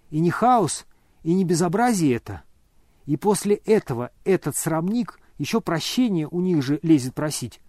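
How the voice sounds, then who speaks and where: A man's voice: on the high side, darkish tone, no echo, studio quality. A man voicing an indignant older noblewoman who scolds and exclaims.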